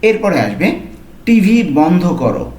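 A man teaching a language lesson, slowly repeating each phrase word by word. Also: high-pitched, very animated, darkish tone, slight background noise. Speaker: language tutor. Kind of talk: lesson narration. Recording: echoey room.

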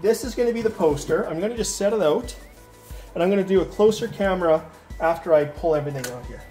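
A man with a slightly high voice talks through an unboxing in a loose, rambling way, with restarts and fillers. He is in pain and a little out of breath. Soft music plays faintly under him. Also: lively intonation, fast. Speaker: unboxing vlogger. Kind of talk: casual unboxing talk.

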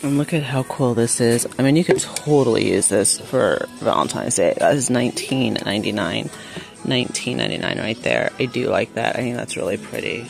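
A woman filming a shop-with-me vlog in a large store on a handheld phone, chatting excitably and reading prices aloud. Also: a bass voice, brisk, gravelly, soft background music. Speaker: vlogger. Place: large indoor retail store. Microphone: handheld phone camera.

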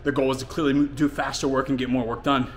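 A man's voice: mid-range voice, flat delivery, fast, a little hiss or hum. Winded man explaining a workout. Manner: explains training plainly between efforts, with fillers. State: out of breath. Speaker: fitness coach. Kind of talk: casual workout vlog talk. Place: home gym and outdoors in winter.

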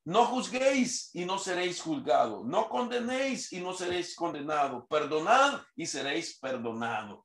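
A man's voice: a little high, sing-song, moderate pace, hardly any pauses, fairly bright tone, echoey room. A man preaching a sermon, quoting scripture in a raised reading voice. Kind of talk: sermon teaching.

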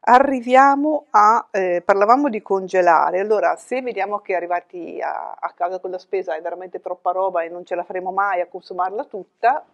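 A woman's voice: medium pitch, brisk, hardly any pauses, highs cut off. A woman, a food technologist and magazine director, chatting as a guest in an interview, practical and prone to self-corrections and fillers. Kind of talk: conversational interview.

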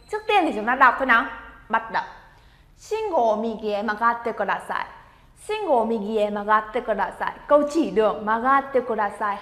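A woman teaching Japanese vocabulary, encouraging her students and drilling words aloud for them to repeat. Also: sits high. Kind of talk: language lesson. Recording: echoey room with long reverb.

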